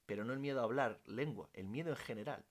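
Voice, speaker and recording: Italian-accented language teacher, chatty. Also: male voice, mid-range voice, fast talker. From Italy. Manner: animated, self-correcting, thinks aloud with fillers. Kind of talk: casual Q&A vlog.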